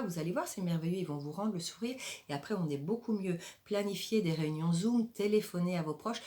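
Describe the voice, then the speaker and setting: A woman's voice: deep voice, a little mellow. A woman with a French accent giving motivational advice to camera as a happiness coach, speaking expressively with frequent hesitations.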